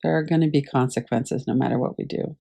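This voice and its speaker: A woman teaching a class over a video call, gently guiding listeners through a visualization with unhurried pauses. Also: extremely low pitch, fairly even intonation, gravelly. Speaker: meditation teacher.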